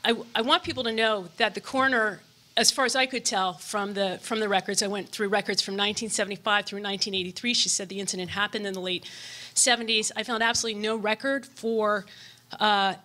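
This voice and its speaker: A woman's voice: mid-range voice, fairly even intonation, fast, sharp tone. A woman making a public comment at a school board meeting, a little out of breath, earnest and apologetic, with frequent hesitations.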